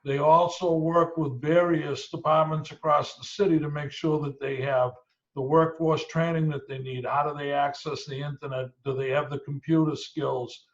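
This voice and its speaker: A man speaking on a panel over a video call whose audio keeps breaking up, talking in a halting way with many pauses. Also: a little high, flat delivery, lo-fi sound. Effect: choppy, breaking-up video call audio. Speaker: panelist describing a reentry program.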